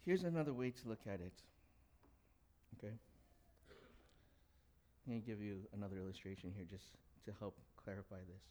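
A young adult pastor, whose first language was Cantonese but who grew up in an English-speaking country, preaches a conversational sermon and puts questions to the congregation. His voice is lowish and mellow, at normal speed, with frequent pauses.

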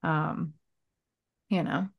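A woman hosting a podcast, chatty and relaxed as she asks her guest open questions. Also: deep voice, drawn-out words, gravelly, slightly rough, lo-fi sound. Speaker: podcast host. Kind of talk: casual interview.

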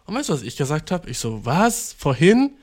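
Young man, podcast host. Rambling, slangy, self-mocking storyteller, slightly high voice. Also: very animated, racing. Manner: rambling, slangy, self-mocking, swings between loud outbursts and mumbled asides. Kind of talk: casual storytelling monologue.

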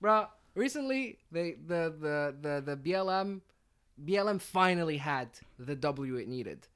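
A man's voice: a little high, a little slow, smooth. A young man co-hosting a podcast in casual, slangy, jokey banter. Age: young adult. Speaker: podcast co-host.

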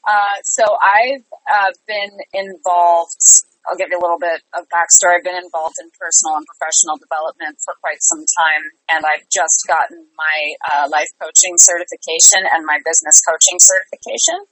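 A middle-aged woman, a life and business coach, answers interview questions in an earnest, conversational way, repeating phrases for emphasis. Her voice is lowish, steady, and fairly bright at a normal speed, and the recording is rough though free of echo.

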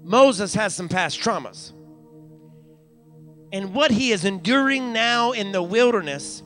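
Soft music plays beneath a young American pastor preaching slowly but with lively intonation during a live service in a church sanctuary. His high, bright, forceful voice repeats phrases for emphasis, mixing in hallelujahs and call-outs to the congregation as it builds to raised peaks.

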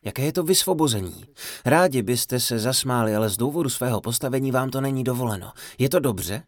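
A man giving a humorous dharma talk, telling a funny story in an animated, playful way. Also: medium pitch, no room sound. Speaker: Czech voice-over of a Buddhist teacher's talk.

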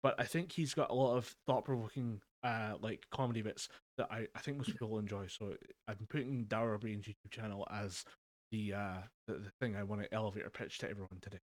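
His voice sits on the low side, with fairly even intonation and a quick pace, and there is no room sound. This young Scottish podcast co-host chats casually over a voice call on a home mic, rambling through stories with frequent cursing and laughter.

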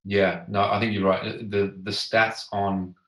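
Echoey, lowish-voiced male podcast host. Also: little pitch movement, a little slow, a bit bright. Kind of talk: conversational interview. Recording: roomy echo.

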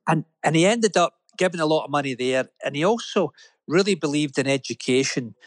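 A man co-hosts a business talk radio show from a studio. He speaks a little higher than most men and tells his stories in an earnest, admiring way. The sound is close and dry. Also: expressive, brisk, no room sound. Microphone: studio microphone.

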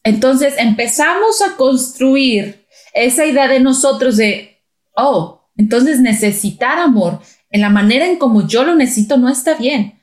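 A woman with a Mexican accent hosting a casual talk, lively and chatty, often mimicking other people's voices. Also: high voice, unhurried. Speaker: podcast host. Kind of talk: casual conversation. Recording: echoey room.

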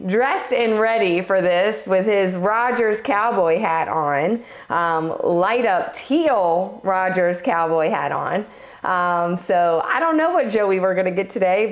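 A woman hosting a casual podcast, her voice a little hoarse from a cold, chatty and quick to laugh. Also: medium pitch. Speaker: podcast host. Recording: roomy echo.

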